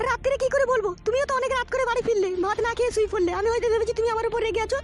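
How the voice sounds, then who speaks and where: Woman voicing a nagging anxious village mother, shrill high voice, music behind. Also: fairly even intonation, rapid-fire. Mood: worried. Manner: shrill, scolding and pleading. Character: worried nagging village mother arguing with her husband. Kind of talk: comic audio drama. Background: background music.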